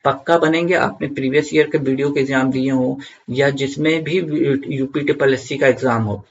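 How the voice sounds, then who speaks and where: A man's voice: medium pitch, fairly even intonation, normal speed, lo-fi sound, a little hiss or hum. A man teaching an online grammar lesson for exam students, repeating key points and checking in with viewers.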